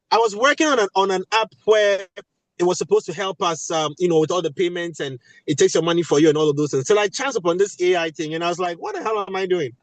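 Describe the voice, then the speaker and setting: A man's voice: sits high, no room sound, poor audio. A man with a West African, Ghanaian accent talking emphatically at a webinar, repeating key phrases for weight. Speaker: voice actor and audio producer speaking at a webinar. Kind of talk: animated panel talk.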